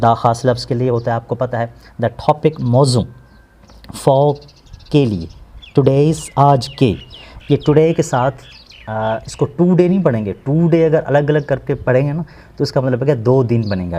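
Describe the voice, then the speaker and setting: A man teaching an English lesson, slowly translating word by word and repeating each meaning with synonyms. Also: medium pitch, warm tone. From Pakistan. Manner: slow, explanatory, repeats words and gives synonyms.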